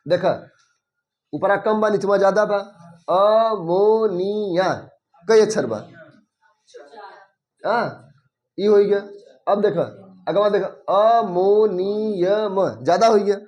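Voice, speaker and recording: A man's voice: high voice, takes it slowly, long pauses, darkish tone, dull audio. A man with a Bhojpuri accent teaching a chemistry class, explaining step by step and often checking that the students follow.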